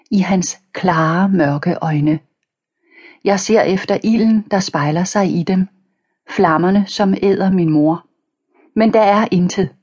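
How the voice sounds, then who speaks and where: Husky, low-voiced woman narrating. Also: darkish tone. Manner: reads page numbers aloud between passages. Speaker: audiobook narrator. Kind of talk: scripted first-person narration of a children's book.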